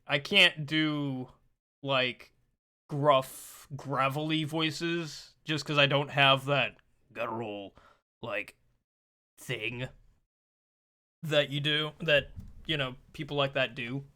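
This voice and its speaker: Bright, chatty male game streamer. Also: mid-range voice, smooth. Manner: chatty, self-deprecating, rambling asides. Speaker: let's-play host. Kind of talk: casual gameplay commentary.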